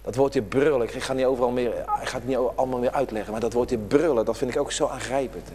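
A man preaching a sermon to his congregation, dramatic, rising to emphatic lines and dropping to hushed near-whispers. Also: mid-range voice, steady tone, fast, husky. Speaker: pastor. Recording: long church reverb.

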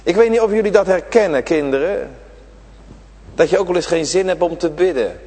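A man's voice: high-pitched, brisk, a little mellow, breathy edge. A man preaching a children's sermon on prayer day in a church, emphatic and full of short, repeated phrases spoken straight to the children. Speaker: pastor. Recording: long church reverb.

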